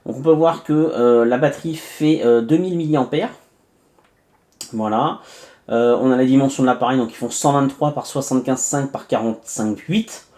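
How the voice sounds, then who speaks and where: Chatty French tech reviewer, mellow voice. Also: male voice, medium pitch, normal speed. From France. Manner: chatty, many hesitations and asides, narrates each step. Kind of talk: casual unboxing review.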